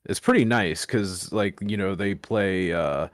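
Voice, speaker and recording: A man's voice: low voice, measured pace, dry recording, studio quality. An American man in casual chat, explaining things in detail and pressing his point. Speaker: podcast co-host. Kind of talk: casual chat about card games.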